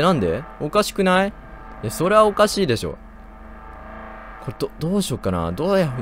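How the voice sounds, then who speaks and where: Jumpy, lively young man narrating a horror game. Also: medium pitch. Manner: jumpy, loud startled outbursts and joking complaints; talks to himself while exploring. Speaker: gameplay commentator. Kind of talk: horror game let's play commentary.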